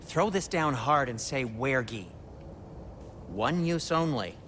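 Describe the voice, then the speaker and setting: An actor playing an anxious, fussy dwarf smith giving earnest instructions in video game dialogue. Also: male voice, mid-range voice, animated, takes it slowly, a bit bright. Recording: noise audible behind the voice.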